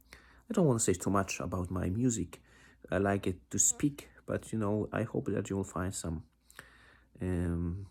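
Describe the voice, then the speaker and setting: Low gravelly man with a Polish accent. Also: a little mellow. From Poland. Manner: halting, searching for words, frequent restarts. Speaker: composer. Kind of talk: self-introduction monologue. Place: home studio.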